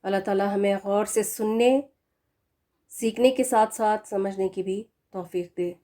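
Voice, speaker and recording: Woman teaching recitation online, medium pitch, stretches out example words, earnest and a bit scolding. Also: fairly even intonation, dark tone. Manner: slows down to model correct and wrong pronunciations; earnest, admonishing asides. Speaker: tajweed teacher. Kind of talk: recorded online lesson.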